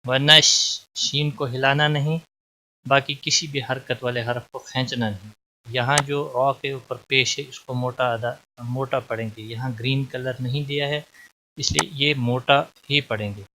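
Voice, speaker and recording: A man teaching Quran recitation rules, chanting each phrase slowly and drawn out, then explaining in plain spoken instruction. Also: medium pitch, sharp tone. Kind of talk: tajweed lesson, chanted examples then explanations.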